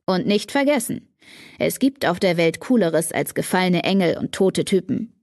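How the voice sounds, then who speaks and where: A woman's voice: on the low side, animated, moderate pace, a little mellow, dry recording. A woman voicing a cocky, teasing teenage boy in an audiobook, read with a dry, close sound. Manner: teasing, smug.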